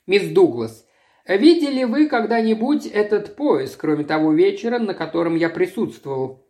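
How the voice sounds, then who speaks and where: Smooth, soft-spoken investigator, read by a male narrator. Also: sits high, lively intonation, normal speed, pitched above the performer's own voice. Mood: calm. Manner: soft, conciliatory. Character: calm, smooth middle-aged male investigator.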